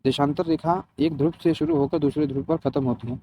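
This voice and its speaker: Speaking quickly with a warm, fairly even and somewhat high voice, a man reads a geography lesson for competitive-exam candidates and adds brief explanations. Slight background noise sits under a muffled, dull, lo-fi recording.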